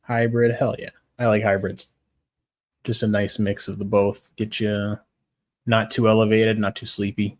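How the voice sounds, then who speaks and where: Young male streamer, lowish voice, tired and laid-back, casual swearing, reading chat between picks. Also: measured pace. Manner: relaxed, swears casually, greets chat by name. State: tired, yawning. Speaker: livestream host giving fight picks.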